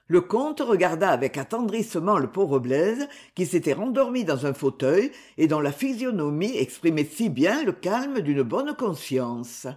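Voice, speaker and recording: A narrator reading a classic novel as an audiobook in a measured, expressive way. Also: medium pitch.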